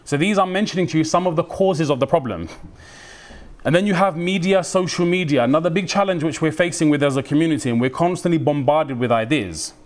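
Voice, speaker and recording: British male preacher, lively and slangy, slightly high voice, acts out quoted voices. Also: quick pace. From United Kingdom. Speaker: Islamic preacher. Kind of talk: religious talk.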